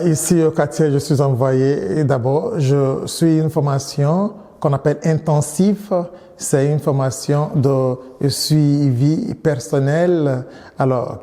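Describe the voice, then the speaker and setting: Dark-voiced Nigerian-born priest in a hall. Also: male voice, on the high side. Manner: measured, with frequent restarts and repeated words. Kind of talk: interview answers.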